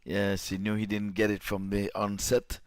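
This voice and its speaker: A low-pitched man commentating live cricket, recorded close and dry. He calls each ball steadily, then his voice jumps up in pitch and loudness when the action peaks. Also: completely flat delivery, normal speed, no echo. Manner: rises sharply in pitch and volume at big moments.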